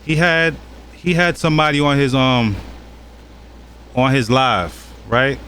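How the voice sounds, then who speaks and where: An American man hosts a reaction commentary channel, mocking and challenging the clips he plays. His medium-pitched voice is pushed and bright, and he speaks slowly, with faint noise behind him.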